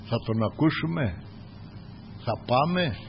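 A man's voice: medium pitch, animated, creaky, muffled recording, slight background noise. Older man preaching, murmured asides. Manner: swings from loud exhortation to murmured "glory to God" asides. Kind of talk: sermon.

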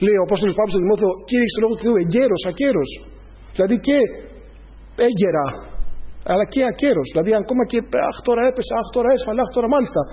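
Earnest husky preacher man, high voice. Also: dull audio. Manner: earnest, plain-spoken, personal testimony. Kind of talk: evangelical sermon.

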